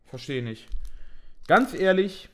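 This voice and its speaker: A man's voice: high voice, big pitch swings, slow. A young man hosting an unboxing video, chatting casually and thinking aloud with a mildly self-mocking tone.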